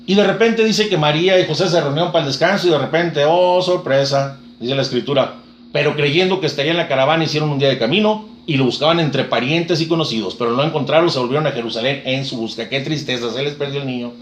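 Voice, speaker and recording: Preacher, fast and fervent, slightly high voice. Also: male voice, roomy sound, a little hiss or hum. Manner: fervent storytelling, quotes scripture. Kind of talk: sermon retelling scripture.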